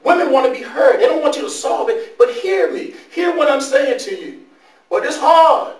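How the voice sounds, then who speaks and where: High-voiced man preaching in an echoey room. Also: normal speed, distant mic. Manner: animated and preachy, breaks into loud street-slang impressions. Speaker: motivational speaker. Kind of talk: motivational talk to young people.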